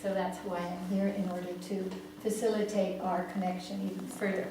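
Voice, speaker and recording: Leading a family therapy seminar in a hall, a woman in her sixties, a native Greek speaker from Greece with a Greek accent, lectures with lots of "um"s and keeps checking in with "yeah?". She speaks at medium pitch with a level tone and a fairly quick pace. The seminar-room recording is noisy and very echoey, with the mic far away.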